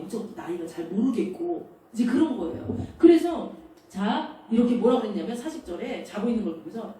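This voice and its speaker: A woman delivers a sermon in a chatty, storytelling way, her pitch high and swinging widely. Her tone is soft and mellow. The sound comes from a distance in a very reverberant space with a faint hiss underneath. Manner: conversational, storytelling with acted quotes. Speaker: preacher. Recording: echoey hall, distant mic, faint noise.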